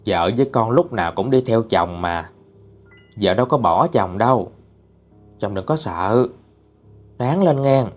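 A man voicing the ghost of a young wife, soft and consoling. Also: fairly low pitch, lively intonation, a little slow, pauses often, faint music behind. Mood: tender.

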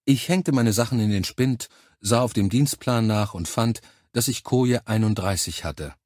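A man reading a science fiction novel aloud in calm, measured first-person narration. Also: lowish voice, dry recording, clean studio sound. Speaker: audiobook narrator.

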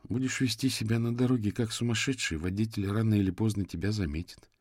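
A man voicing a sharp-tongued young female detective in an audiobook, tart and needling. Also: lowish voice, fast, husky, dry recording, clean studio sound.

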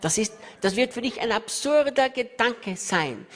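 A man preaching a sermon with much feeling, often tearful and laughing, who moves from loud emphasis to soft asides. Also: extremely high pitch, animated, a little slow. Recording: reverberant hall, voice sometimes off-mic.

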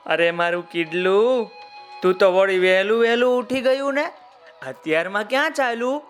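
A man voicing a doting mother ant in a children's story, asking quick, fussing questions. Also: high-pitched, faint music behind, natural voice.

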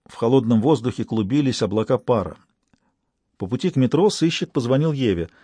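A man narrating a detective novel as an audiobook in a measured, even way. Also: medium pitch, breathy edge, dry recording, clean studio sound. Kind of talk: scripted narration.

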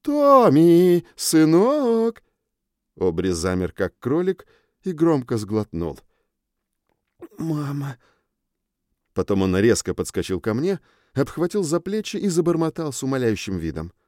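Выразительный мужчина-рассказчик аудиокниги. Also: male voice, lowish voice, very animated, normal speed, mellow, dry recording, clean studio sound. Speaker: audiobook narrator. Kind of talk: first-person audiobook narration.

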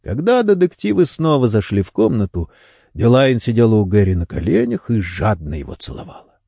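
A man reading a novel aloud as an audiobook narrator, expressive and switching between character voices. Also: lowish voice, fairly quick, vocal fry, no room sound, clean studio sound. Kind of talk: scripted narration.

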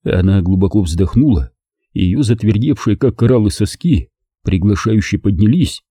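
A man narrating a first-person audiobook in a measured, expressive reading. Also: fairly low pitch, slightly rough, dry recording, clean studio sound.

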